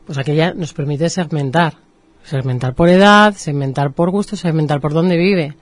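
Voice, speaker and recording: This woman speaks in a low voice at a moderate pace, with no echo, carrying a Spanish accent from Spain. As a marketing professional being interviewed on radio, she lays out explanations patiently and enlivens them with examples.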